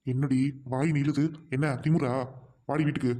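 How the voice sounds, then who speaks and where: Man as a gruff, threatening village patriarch who cares only for property. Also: medium pitch, little pitch movement, moderate pace, dark tone, lightly acted. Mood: menacing. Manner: gruff, menacing orders. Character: greedy, threatening village husband and father. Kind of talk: amateur family drama acting.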